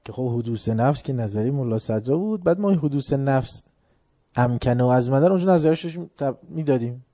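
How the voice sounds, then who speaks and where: A man's voice: mid-range voice, lively intonation, mellow. A man giving a philosophy lecture, emphatic, asking the audience rhetorical questions and urging them to pay attention.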